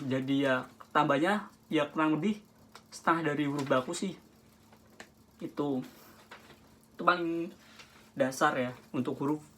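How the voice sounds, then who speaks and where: A man's voice: on the high side, a bit bright. A man giving a casual, rambling Japanese script lesson, with many restarts and self-corrections. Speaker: Japanese language tutor. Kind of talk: casual home-made lesson.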